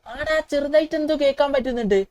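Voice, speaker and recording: A woman's voice: high voice, quick pace, a little mellow, close to an everyday voice. A woman voicing Franklin, a jumpy young man in a game video, repeating short phrases as she plays. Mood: alarmed. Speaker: game video narrator voicing the player character. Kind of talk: casual game role-play commentary.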